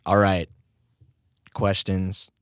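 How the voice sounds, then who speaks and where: With a low voice, completely flat delivery, and drawn-out words, a young rapper and podcast host rambles through casual solo chat, swearing and laughing at himself. His tone is clean though his recovering voice is slightly strained, on a dry, clean studio recording.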